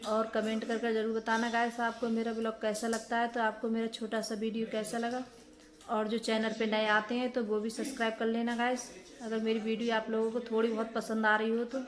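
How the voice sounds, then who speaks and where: Young woman, home vlogger; slightly high, very even delivery; casual rambling voice-over. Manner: flat, unhurried, lots of fillers.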